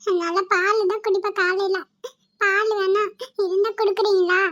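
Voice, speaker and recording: A woman's voice: very high voice, flat delivery, moderate pace, fairly bright tone, highs cut off, pitched above the performer's own voice. A woman voicing a small hungry boy in a cartoon who whines and pleads like a young child. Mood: whiny.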